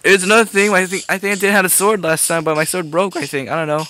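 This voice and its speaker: A young man hosting casual gameplay commentary. He swears often, gets excited easily and keeps restarting his sentences. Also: high-pitched, quick pace. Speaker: gaming video host.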